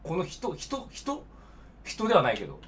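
Brief: young gamer, high voice swinging wildly, jokey reactions, noisy recording. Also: male voice, normal speed. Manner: excitable, jokey, reacting out loud. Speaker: game streamer. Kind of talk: let's play commentary.

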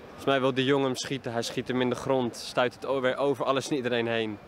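A young man in his twenties, a football player answering post-match questions with many pauses and fillers, speaking into a handheld mic outdoors at a stadium. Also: mid-range voice, level tone. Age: 20s. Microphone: handheld reporter mic held up to him. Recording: faint outdoor noise.

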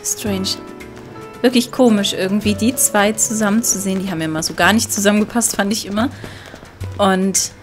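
A woman's voice: medium pitch, fairly even intonation, brisk. A woman giving casual game commentary as a let's player, chatty and thinking aloud. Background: game music.

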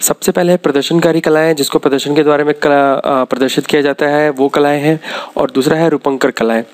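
A man pitched a little above the usual male range leads a slide-based exam lesson. He reels off lists quickly, then slows to explain each point to his students. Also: fairly even intonation. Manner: brisk, lists items one after another with frequent pauses to explain. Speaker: exam-prep teacher.

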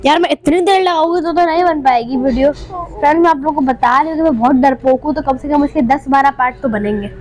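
High-voiced woman chattering over gameplay. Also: fast. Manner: playful, jokey chatter; excitable, panicky outbursts. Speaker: gaming channel host. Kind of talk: live gameplay commentary.

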